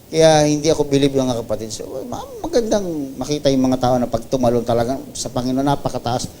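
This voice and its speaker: A man with a Filipino accent preaching a sermon, building to loud, high emphasis and then dropping soft and low, mixing English phrases into his preaching. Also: expressive, a little fast, slight background noise. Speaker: pastor. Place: church service.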